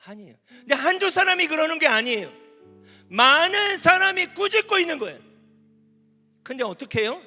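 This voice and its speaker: A male pastor preaches to a youth camp in an animated, lively way, his pitch swinging widely as he questions the crowd. His voice sits high and sounds very bright. It carries a long hall reverb, with faint instrumental music underneath. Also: brisk, long pauses. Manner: animated, questions the audience, rising to shouts.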